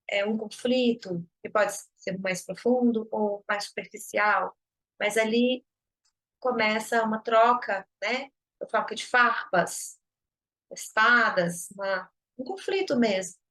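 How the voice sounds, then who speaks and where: A Brazilian-accented woman talks through advice in a relaxed, chatty live stream. Her voice sits a touch high, and she keeps checking in with little tag questions. She often slips into acted snippets of everyday arguments. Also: poor audio. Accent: Brazilian Portuguese. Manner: chatty, uses many tag questions and acts out everyday dialogues. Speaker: host of a self-development live stream. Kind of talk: conversational advice talk.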